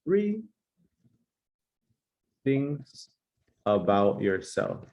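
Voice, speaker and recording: A man teaching English in a brisk, encouraging way, drilling grammar with his class in a comedic sketch. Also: on the low side, big pitch swings, vocal fry, darkish tone. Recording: slightly muffled lo-fi recording.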